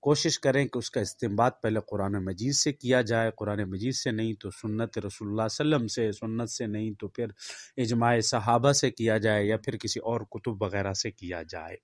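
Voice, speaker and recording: A middle-aged man teaching Islamic jurisprudence, reciting Arabic rules slowly and explaining them. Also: on the low side, dry recording, studio quality. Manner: slow, deliberate recitation of Arabic texts, then explaining in Urdu. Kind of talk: religious lecture.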